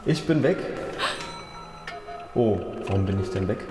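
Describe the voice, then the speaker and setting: A man's voice: fairly low pitch, animated, a little slow, roomy sound, long reverb tail, over music. A man hosting a casual team chat, his voice coming through a remote call connection that keeps dropping out. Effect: cutting-out remote call connection. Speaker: host.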